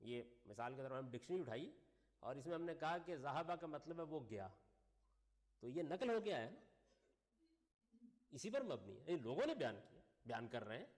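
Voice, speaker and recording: A man's voice: fairly high pitch, sing-song, pauses often. A man giving a classroom lecture, reading Arabic phrases and then explaining them while putting questions to his class. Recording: long reverb of a lecture hall.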